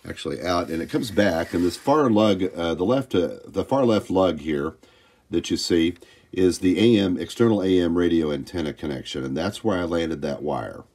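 Indoors at his home workbench, this American hobbyist gives a casual, practical electronics lesson in a darkish, low voice at a moderate pace, laying out each step in a folksy, down-to-earth manner.

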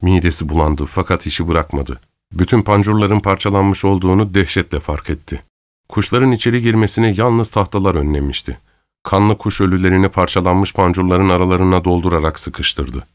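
A man reading an audiobook aloud in measured, dramatic scripted narration. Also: low-pitched, no echo, studio quality. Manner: measured, dramatic storytelling, voicing characters' lines lightly.

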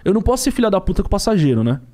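A young man tells a story with quick, slangy street talk, playing out every exchange. His voice sits a bit high and leaps around in pitch. He rushes along at a rapid clip. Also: very animated, mellow. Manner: slangy and street-talking, acts out dialogue. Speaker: ride-share driver and podcast guest. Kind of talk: storytelling in a podcast chat.

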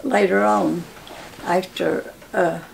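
A very old woman in her nineties tells stories with a Southern Appalachian accent. Her voice is heavily gravelly, and she goes haltingly and repeats words. There is faint room noise behind her. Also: on the low side, steady tone, rough recording. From Appalachia, southern United States. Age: 90s. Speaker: interviewee telling life story. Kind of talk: casual reminiscing. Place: home living room, indoors.

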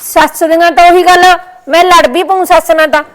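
A woman's voice: very high-pitched, steady tone, a little fast, a bit bright. A woman acting as a married daughter in a scripted village sketch, sulky and complaining, threatening to leave.

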